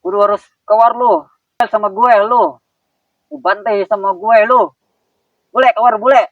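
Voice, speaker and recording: A man playing a shouting, foul-mouthed thug boss. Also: sits high, steady tone, moderate pace, dry recording. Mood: furious shouting. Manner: shouts crude insults and repeated threats. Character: hot-headed adult male thug boss. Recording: dull, dry lo-fi audio.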